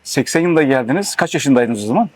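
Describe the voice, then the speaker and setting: A man with a husky voice, asking questions as interviewer in a casual street interview. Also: mid-range voice, lively intonation, fast, a little mellow, a little hiss or hum.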